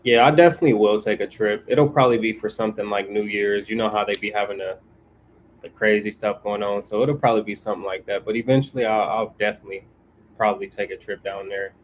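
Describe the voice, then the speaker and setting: A man's voice: fairly low pitch, fairly even intonation, fast, highs cut off, slight background noise. A man from California in casual livestream chat, laid-back and slangy, reading viewer comments aloud and answering them. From California, USA.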